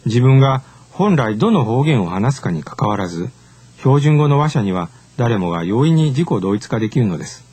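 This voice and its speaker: Husky-voiced man giving a formal lecture. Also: mid-range voice, very animated, darkish tone, no echo. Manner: measured, formal and explanatory. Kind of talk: scripted lecture narration.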